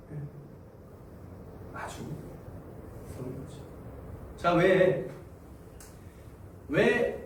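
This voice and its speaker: A man's voice: high voice, darkish tone. A male pastor preaching a sermon, telling stories and acting out people's complaints to God in a raised voice, often chuckling as he goes. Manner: chuckles through his own lines. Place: church sanctuary. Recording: very echoey hall, distant mic, faint noise.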